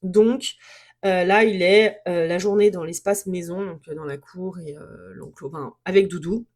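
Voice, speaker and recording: A woman's voice: fairly low pitch, steady tone, moderate pace, darkish tone. A woman recording a candid solo monologue about her pony, speaking frankly and from the heart, often repeating herself as she works through her feelings. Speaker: pony owner recording a podcast episode. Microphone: self-recorded.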